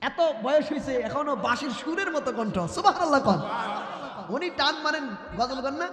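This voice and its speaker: A man preaching a waz sermon to a large gathering, talking to the crowd and slipping into slow chanted song. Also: extremely high pitch, echoey room, in a large hall. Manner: chanted sermon delivery, breaks into sung English ghazal.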